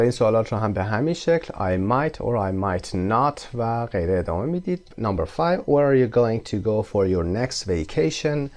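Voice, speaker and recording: Low-voiced teacher explaining English. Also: male voice, a little mellow. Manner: explains in Persian, reads English words slowly and clearly. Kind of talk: recorded language lesson.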